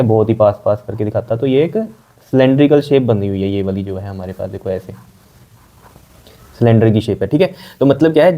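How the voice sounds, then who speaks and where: A man teaching a science lesson, explaining step by step, often checking that students follow, and dictating definitions slowly. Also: medium pitch, dark tone. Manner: repetitive, checks understanding with frequent "okay?".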